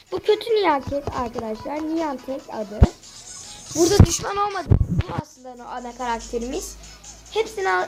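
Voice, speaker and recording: A woman's voice: sits high, rough recording. A woman with a sore throat chatting through a casual gameplay walkthrough, constantly addressing her viewers as friends. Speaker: gaming channel host. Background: faint game music.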